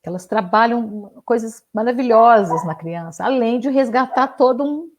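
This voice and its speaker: An older woman speaks in a fairly high voice as a guest professor in a live online talk. She talks playfully, stops and restarts, and recites riddles and tongue twisters over a video call microphone. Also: normal speed, slight background noise.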